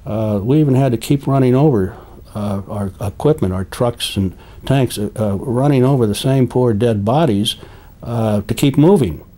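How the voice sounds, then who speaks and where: An elderly man, a war veteran recalling his experiences in an interview, speaking haltingly and deliberately with long hesitations. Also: medium pitch, dark tone. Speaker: WWII veteran being interviewed.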